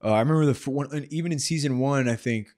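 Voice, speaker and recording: A young man hosts a casual podcast conversation in a relaxed, slangy way, with plenty of "bro" and "dude". He laughs often as he tells stories, and his voice sits at an ordinary middle pitch. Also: rapid-fire. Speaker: podcast host. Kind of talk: casual chat.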